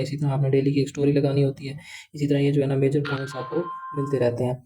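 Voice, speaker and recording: A man's voice: medium pitch, mellow, low-quality recording. A man casually walks viewers through an app, rambling and leaning on filler phrases. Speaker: crypto channel host. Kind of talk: casual explainer walkthrough.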